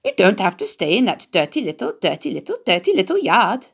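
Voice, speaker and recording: A woman voicing a chattering female goose who talks fast and repeats her words. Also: medium pitch, huge pitch swings, vocal fry, fairly bright tone, husky, heavily acted.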